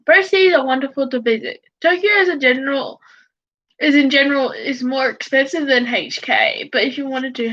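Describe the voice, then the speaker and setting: High bright young woman. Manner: stumbles over words, swears, loud outbursts. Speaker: vlogger. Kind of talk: casual chat, reading facts aloud. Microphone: computer mic. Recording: dull lo-fi home recording.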